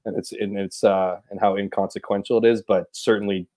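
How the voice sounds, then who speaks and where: A man's voice: fairly low pitch, flat delivery, brisk, warm tone. A man, chatting casually about hockey on a video call, rambling with many restarts. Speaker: podcast co-host. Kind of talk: casual sports chat.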